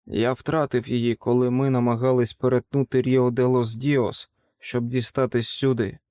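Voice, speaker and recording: A man voicing an exhausted male expedition leader who talks slowly, strained and worn out. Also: mid-range voice, flat delivery, mellow, smooth, dry recording, clean studio sound, close to an everyday voice. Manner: slow, strained, worn-out speech.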